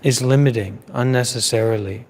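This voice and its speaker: A man giving a live Dhamma talk as a Buddhist teacher. He speaks in a measured way, repeating phrases in lists with pauses. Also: mid-range voice, fairly even intonation, darkish tone, big-room sound, slight background noise.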